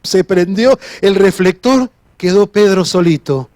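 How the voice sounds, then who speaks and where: A man's voice: sits high, measured pace, darkish tone, no room sound. A man preaching a sermon as pastor, earnest, restarting sentences and repeating key phrases.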